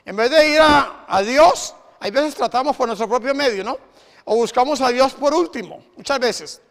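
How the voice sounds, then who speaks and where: High-voiced man preaching in a reverberant hall. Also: gravelly, a bit bright. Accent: Latin American Spanish. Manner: call-and-response questions to the congregation; halting, repeats words. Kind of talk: sermon.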